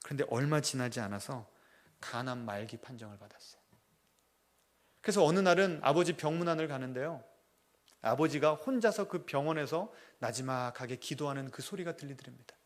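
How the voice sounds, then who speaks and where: A male pastor preaching a sermon, telling a story with strong emotion, swinging between hushed lines and loud impassioned ones. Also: medium pitch, brisk.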